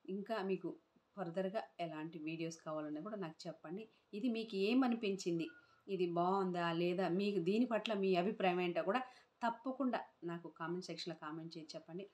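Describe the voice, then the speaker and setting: A woman's voice: on the low side, brisk. A woman hosting her own channel, giving a motivational spiritual talk full of rhetorical questions. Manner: animated, many rhetorical questions, acts out inner thoughts.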